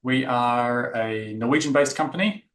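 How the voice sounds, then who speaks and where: A man's voice: mid-range voice, a little slow, a bit bright. Australian-born man giving a tech talk. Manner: explanatory, filler-heavy delivery. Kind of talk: technical conference presentation. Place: conference room. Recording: echoey conference room.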